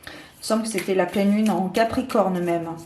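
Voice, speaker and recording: A woman's voice: medium pitch, fairly even intonation, fairly quick, darkish tone, slight background noise. A woman giving a casual tarot card reading, speaking hesitantly with many fillers and restarts. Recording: echoey room.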